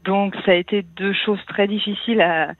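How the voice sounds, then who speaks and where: A woman calling into a radio show over the phone, emotional and hesitant, with many halting restarts. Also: medium pitch, steady tone, no room sound. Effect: phone line. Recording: tinny phone line, dry.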